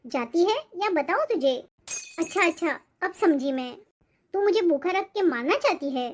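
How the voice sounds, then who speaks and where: A harsh, demanding old grandmother snaps out shrill, very high-pitched complaints. She is a hard-to-please cartoon elder who keeps finding fault. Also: lively intonation, moderate pace. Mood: scolding. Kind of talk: cartoon voice acting.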